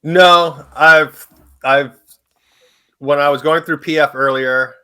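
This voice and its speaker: A man co-hosting a podcast, talking in a relaxed, hesitant way with many fillers. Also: a little high, slow pace, clean tone. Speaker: podcast co-host. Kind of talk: casual chat.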